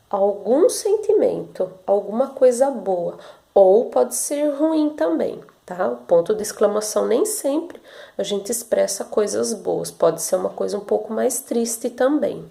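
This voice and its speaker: A woman teacher explains a lesson to young pupils at a slow, unhurried pace. Her voice is fairly high but dark and gravelly. She talks patiently and keeps asking the class questions that she answers herself. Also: animated.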